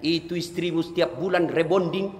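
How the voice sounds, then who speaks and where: A man's voice: fairly high pitch, steady tone, moderate pace, lightly acted. A man doing a stern interrogating angel. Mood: demanding. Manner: sharp, demanding questions. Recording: reverberant hall, faint ambience.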